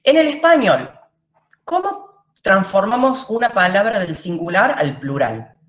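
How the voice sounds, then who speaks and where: A woman's voice: mid-range voice, very animated, a little slow, reverberant. A woman teacher giving a classroom lecture, explaining step by step and checking in with her students.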